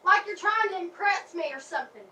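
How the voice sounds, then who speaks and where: Actress doing a fed-up snappy young woman, really high bright voice, mic far away. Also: expressive, a little fast, roomy sound, slight background noise, full character voice. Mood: exasperated. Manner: exasperated, snapping retorts. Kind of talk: stage drama acting.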